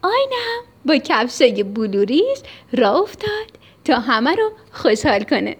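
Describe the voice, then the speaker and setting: Lively storytelling woman for kids. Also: high voice, breathy edge. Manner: warm, affectionate address to young listeners. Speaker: storyteller and radio host. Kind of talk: children's storytelling.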